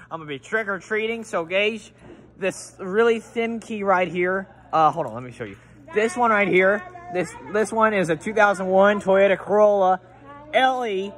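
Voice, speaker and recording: A man's voice: sits high, a bit bright. A teenage boy vlogging with a phone at arm's length in an outdoor school walkway, rambling playfully in a mock-grumpy improvised role. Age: teens. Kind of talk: goofy improvised role-play. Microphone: phone held at arm's length.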